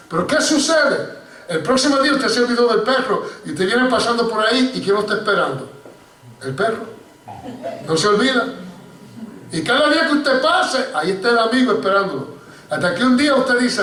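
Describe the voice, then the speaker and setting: High-voiced preaching pastor, echoey hall. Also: male voice. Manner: animated preaching, addressing listeners as hermano. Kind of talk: sermon with storytelling. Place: church hall. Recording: echoey church recording from far off.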